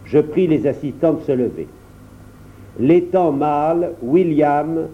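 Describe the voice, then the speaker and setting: A man voicing a stern, sly man acting as judge, speaking in formal, measured pronouncements. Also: a little high, lightly acted. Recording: dull lo-fi recording.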